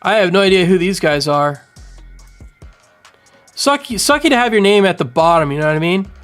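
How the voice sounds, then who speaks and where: A man in his thirties doing casual livestream commentary from home on a boom mic, rambling and animated, full of fillers. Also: normal speed, faint music behind. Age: 30s. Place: home room. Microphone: studio mic on boom arm.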